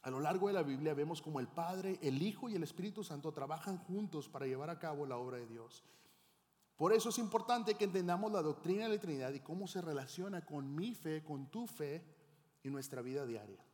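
A man's voice: on the high side, animated, fairly quick, darkish tone. A middle-aged male pastor preaching a teaching sermon, often asking the congregation questions. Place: church hall. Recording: long hall reverb.

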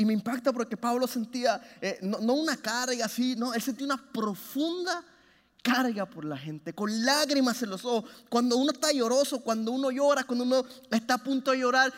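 A man preaches in a high, bright voice, his words ringing out through a long, echoing hall. He swings between fervent, loud appeals and quiet, low-spoken lines, pressing his listeners with passion. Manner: impassioned, swings from loud urging to hushed low phrases. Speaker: pastor. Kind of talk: sermon.

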